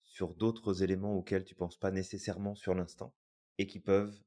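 A man's voice: low voice, a little mellow. A man co-hosting a podcast, talking things through in a thoughtful, hesitant way. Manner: thoughtful, hesitant, many fillers and restarts. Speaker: podcast co-host. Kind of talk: reflective podcast talk.

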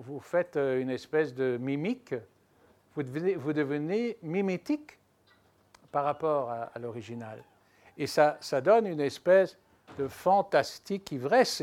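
A man, a literary translator, talking reflectively in an interview, pausing and restarting as he thinks, then pressing hard on key points. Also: on the high side. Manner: thoughtful, hesitant restarts, animated emphasis.

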